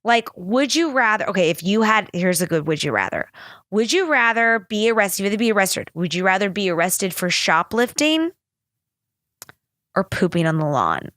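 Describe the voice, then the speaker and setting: A woman's voice: mid-range voice, lively intonation, normal speed, a bit bright, no echo, studio quality. A young woman hosting a casual solo podcast, telling a story in a rambling way, full of fillers and laughter. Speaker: podcast host.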